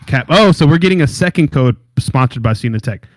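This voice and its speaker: This is a young man hosting a gaming podcast in easy, slangy talk, setting the pace for his co-hosts. His voice sits at a middling pitch, and it comes across dry and close. He sounds relaxed and casual. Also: fairly quick, dry recording. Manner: slangy, laid-back, steers the show and giveaways. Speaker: podcast host.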